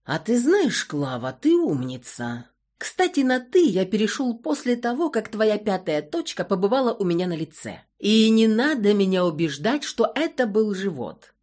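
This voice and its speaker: A woman's voice: medium pitch, very animated, moderate pace, darkish tone. A woman voicing a joking, sarcastic man of thirty in an audiobook. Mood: teasing. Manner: teasing, sarcastic. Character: thirty-year-old man, joking, wry.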